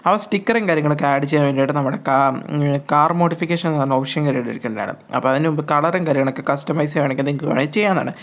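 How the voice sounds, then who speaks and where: A man's voice: on the high side, very fast. A man hosting a gaming channel, giving chatty, repetitive step-by-step instructions as a voice-over on a mobile game tutorial.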